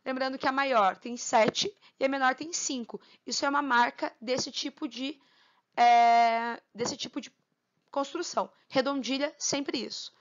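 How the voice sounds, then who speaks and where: A woman teaching a literature lesson. She counts syllables aloud slowly and keeps asking for agreement with tag questions. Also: high-pitched, steady tone, lo-fi sound.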